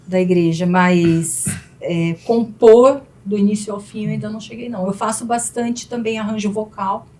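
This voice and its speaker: A woman's voice: medium pitch, fairly even intonation, moderate pace, hardly any pauses, mellow. A Brazilian woman with a Brazilian Portuguese accent, a pianist and piano teacher, chatting as a guest in an interview with frequent fillers. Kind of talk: casual interview chat.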